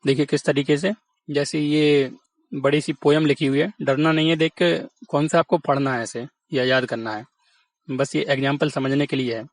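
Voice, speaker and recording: A man's voice: on the high side, fairly even intonation, moderate pace, no room sound. A man teaching an exam-prep lesson, patiently explaining and answering his own questions.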